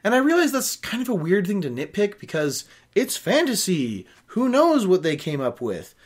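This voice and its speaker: Hosting a book-reading show indoors from a small home office, a young man reads a novel and breaks off to nitpick and opine. He talks at a moderate pace in a high-pitched voice whose pitch swoops wildly.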